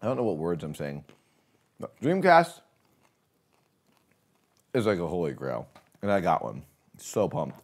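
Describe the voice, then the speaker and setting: Guy streaming games, low voice but bounces all over, rambly and giggly. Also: a little slow, long pauses. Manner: excitable, rambling, laughs often. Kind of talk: casual livestream chat while gaming.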